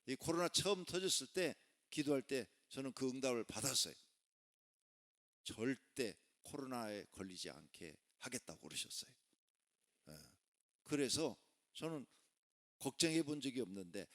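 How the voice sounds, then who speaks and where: Lively man preaching with sweeping pitch. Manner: emphatic preaching with frequent rhetorical questions to the congregation; conversational asides mixed with proclamation. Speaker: pastor. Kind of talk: sermon at a Friday worship service.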